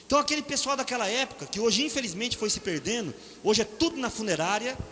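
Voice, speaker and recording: A man's voice: extremely high pitch, lively intonation, fast, sharp tone. A middle-aged Brazilian man preaching a conversational sermon, telling personal stories, often ending phrases with a questioning "né?" and acting out other people's voices. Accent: Brazilian Portuguese. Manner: conversational, frequent "né?" tag questions; acts out quoted voices in storytelling. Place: church hall. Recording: reverberant hall, faint ambient noise.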